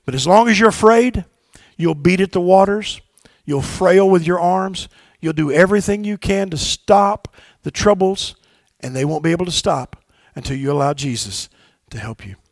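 A man preaching from a church pulpit, his very high voice rough with gravel. He shouts his exhortations and drops to low, quiet asides, and he calls on the congregation to say lines back with him. The sound is close and dry. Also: moderate pace, dry recording. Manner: call-and-response with the congregation. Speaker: pastor. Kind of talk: sermon. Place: church sanctuary.

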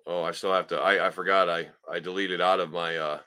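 Male podcast host, lowish bright voice, slangy and sweary, rambling casual chat. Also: flat delivery, fairly quick, smooth. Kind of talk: casual chat, reacting to clips.

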